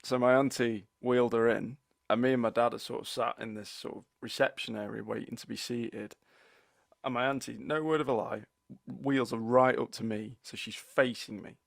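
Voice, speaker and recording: Young male podcast co-host, gravelly voice, wry and laughing, dry close mic. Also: mid-range voice, fairly even intonation, moderate pace, dry recording. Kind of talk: casual storytelling chat.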